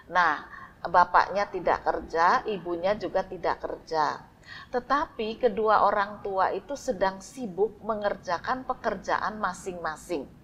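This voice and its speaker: A woman giving a calm, unhurried storytelling devotional to a congregation. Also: medium pitch, highs cut off. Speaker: church devotional speaker.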